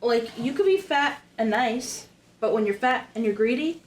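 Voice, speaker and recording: Botte vrouw met een vrij hoge stem. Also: female voice, fairly high pitch, animated, normal speed, reverberant, a little hiss or hum, poor audio. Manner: blunt, easily grossed out, laughs a lot. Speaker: podcast co-host. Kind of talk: casual chat.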